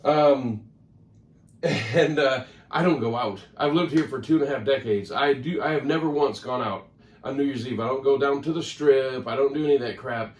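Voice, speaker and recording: A man's voice: mid-range voice, moderate pace, slight background noise. Chatty man in a roomy, distant recording. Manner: rambling, chatty, self-correcting. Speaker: record collector vlogger. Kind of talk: casual talk to camera. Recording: roomy sound, mic at a distance.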